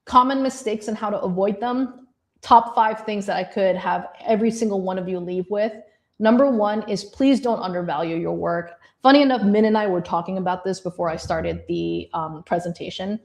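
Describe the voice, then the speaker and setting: A woman who grew up in Indonesia talks through visa tips in an easygoing presentation. Her tone is friendly and encouraging, and she addresses listeners directly, at an ordinary middle pitch. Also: normal speed, darkish tone. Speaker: immigration advisor presenting to designers. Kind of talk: presentation talk.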